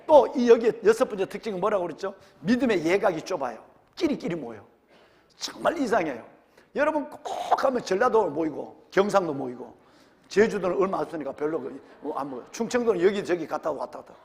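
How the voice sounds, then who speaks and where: A man's voice: sits high, very animated, fairly quick, a little mellow, big-room sound. A male senior pastor with a Gyeongsang accent, preaching a sermon and firing rhetorical questions at his congregation. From Gyeongsang region, Korea. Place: church sanctuary.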